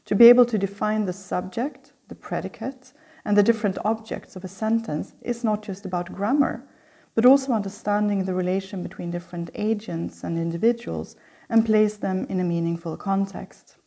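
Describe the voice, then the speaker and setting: A middle-aged woman from Sweden giving a prepared opening lecture as host of a lecture series, in a measured, reflective reading. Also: medium pitch, creaky, dark tone, breathy edge.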